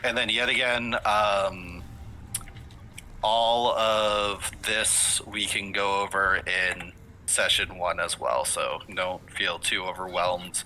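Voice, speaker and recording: A man's voice: sits low, fairly even intonation, slow pace, pushed and bright, slight background noise, rough recording. A man running a tabletop game and chatting casually with his players on a voice call, rambling with lots of fillers and self-corrections while hiccuping. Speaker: game master. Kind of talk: casual session-zero chat with players.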